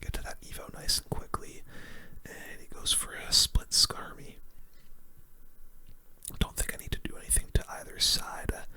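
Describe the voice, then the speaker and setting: A gaming host keeps a moderate pace, whispering in a breathy, quiet voice near the mic. His ASMR commentary is casual, voicing his thinking as he plays.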